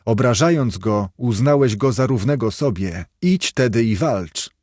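A man's voice: medium pitch, lively intonation, a little slow, a little mellow, no room sound. Grave commanding storybook king, a man reading him, dry close sound. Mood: stern. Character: stern, dignified male king.

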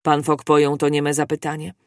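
An audiobook reader giving a steady, scripted narration of a classic adventure novel. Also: medium pitch, normal speed, dry recording, studio quality.

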